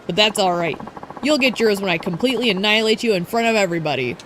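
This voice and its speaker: A woman's voice: medium pitch, lively intonation, quick pace, background noise, close to an everyday voice. A woman voicing a bratty, arrogant young female rival idol who talks in a haughty, taunting, boastful way.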